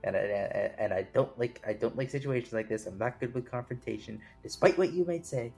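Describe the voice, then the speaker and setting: A man's voice: mid-range voice, brisk, vocal fry, a little mellow, soft background music, lightly acted. An actor playing a timid young man who avoids confrontation and refuses politely in a flustered way. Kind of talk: tabletop role-play voicing.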